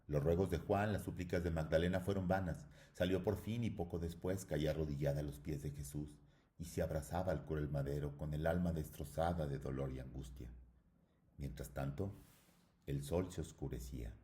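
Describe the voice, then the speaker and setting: A man reading a religious novel aloud as dramatic narration, solemn and measured. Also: extremely low pitch, dark tone. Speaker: audiobook reader.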